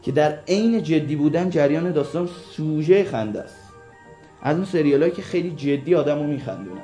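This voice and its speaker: Mellow-voiced joking male radio co-host. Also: a little high, animated, soft background music. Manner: teasing, joking. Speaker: radio show co-host recommending series. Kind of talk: casual radio banter.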